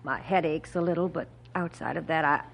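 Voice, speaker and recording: A firm old widow on old-time radio. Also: female voice, low voice, fairly quick, creaky, a little hiss or hum. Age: older. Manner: calm, earnest, reads scripture solemnly. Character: pious older widow, gentle and firm. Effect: old radio show broadcast. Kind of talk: 1950s radio drama acting.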